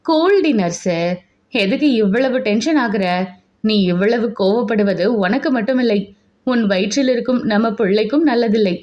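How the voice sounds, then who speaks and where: A woman's voice: a little high, lively intonation, moderate pace, a little mellow, natural voice. A woman voicing a possessive young husband. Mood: scolding. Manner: coaxing, then desperate and insistent. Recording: dull lo-fi recording.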